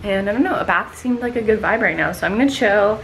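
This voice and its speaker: Young female vlogger, relaxed and chatty, mid-range voice, talks with many fillers. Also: medium pitch, fast, background noise. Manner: chatty, lots of filler words. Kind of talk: casual vlog narration.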